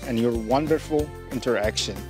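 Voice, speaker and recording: Male show host, mid-pitched, courteous scripted welcome with music behind. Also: fairly quick. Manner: formal and courteous.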